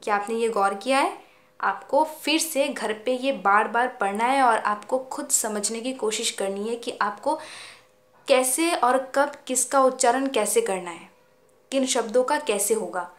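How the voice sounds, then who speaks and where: A woman schoolteacher patiently teaching young children, stretching out each word slowly for them to repeat. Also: fairly high pitch. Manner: slow, drawn-out word-by-word pronunciation drills; patient, explaining and asking children questions. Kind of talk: Hindi phonics lesson for young children. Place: school classroom. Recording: echoey room.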